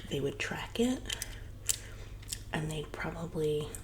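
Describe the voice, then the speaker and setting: A woman speaks softly her way through one side of a casual conversation in an ASMR role-play. Her voice is low and hushed, slipping between soft soft voice and murmur in a rambling, confiding way. Clear background noise sits behind her. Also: expressive, slow pace. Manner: soft-spoken with occasional low murmured words.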